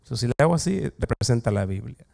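A male pastor preaches to his congregation with a gravelly, slightly rough edge to his voice. He talks in a lively, joking way and acts out the voices he quotes. His voice sits in an ordinary middle pitch. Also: quick pace. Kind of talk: humorous sermon.

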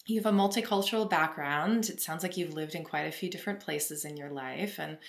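A woman's voice: low-pitched, fairly quick, gravelly. A woman hosting an interview podcast, asking engaged, friendly questions. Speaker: podcast host. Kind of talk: interview talk. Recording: roomy echo.

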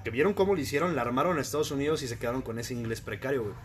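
Fast-talking slangy Mexican podcast host. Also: male voice, mid-range voice, expressive, a little hiss or hum. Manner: slangy, swears a lot, jokey. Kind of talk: casual podcast chat.

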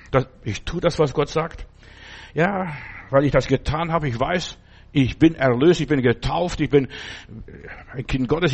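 A man with a fairly high voice delivering a sermon. He preaches emphatically, hammering home points through repetition. He often pauses to check in with the congregation.

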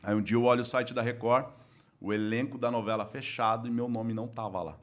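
A man, an actor guest telling his story in a slangy, self-mocking, expressive way on a casual podcast. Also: mid-range voice, fairly quick.

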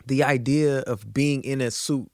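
A man speaks in a close, dry recording as he tells stories in loose, slangy conversation. His delivery is animated and informal, peppered with little tags that check the listener follows. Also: medium pitch, a little slow, no echo. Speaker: podcast guest. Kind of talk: casual, slangy chat.

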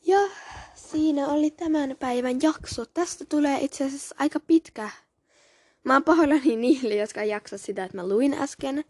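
A woman's voice: sits high, darkish tone, no room sound. A woman hosting a casual podcast, reading a book aloud and chatting, often stumbling and correcting herself. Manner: reads aloud with frequent stumbles and self-corrections. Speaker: podcast host.

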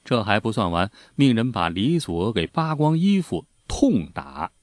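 A man's voice: lowish voice, big pitch swings, moderate pace, no echo, studio quality. A man telling history stories in a folksy, chatty way, full of spoken filler particles. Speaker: history storyteller. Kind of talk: casual spoken history storytelling.

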